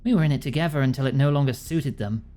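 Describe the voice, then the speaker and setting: A man's voice: medium pitch, fast talker, warm tone, natural voice. Man reading as a betrayed woman conspirator, bitter, defiant, accusing, dramatic game dialogue, faint music. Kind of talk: video game dialogue read aloud. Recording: music behind the voice.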